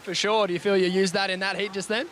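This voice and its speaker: Fast, high-voiced male beach interviewer. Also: flat delivery, fairly bright tone. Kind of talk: upbeat post-heat interview. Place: outdoors at a beach.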